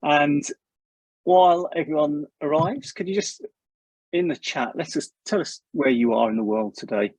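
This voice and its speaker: A man's voice: fairly high pitch, normal speed, a little mellow, breathy edge, no echo, rough recording. A man hosting a webinar, chatty and welcoming, joking lightly with his guests over a video call. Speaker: webinar host. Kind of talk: casual webinar welcome chat.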